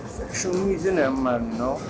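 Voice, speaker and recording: A man's voice: medium pitch, animated, normal speed, over music. A man chatting casually in a rambling, slangy way, recorded covertly. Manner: rambling, slangy, repeated 'innit' tags. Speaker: landlord. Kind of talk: casual chat, secretly recorded. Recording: busy crowd noise, hidden microphone.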